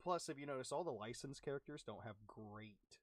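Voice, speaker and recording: A young man chatting casually while playing a game, reacting with quick exclamations and clearing his throat as he loses his voice. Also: medium pitch, animated, dry recording, studio quality. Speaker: gaming streamer. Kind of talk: casual gameplay commentary.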